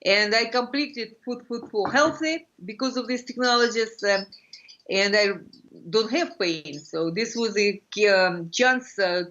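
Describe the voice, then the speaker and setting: A middle-aged woman from Russia with a Russian accent, explaining things as an interview guest in halting, fragmented phrases, searching for words. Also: a little high, fairly bright tone. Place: furnished room indoors. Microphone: video call computer microphone. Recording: muffled lo-fi video-call audio.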